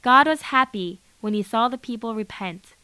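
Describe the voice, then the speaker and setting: A woman narrating a children's Bible story in a simple, even storybook manner. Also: on the high side, moderate pace, clear, resonant tone, no room sound.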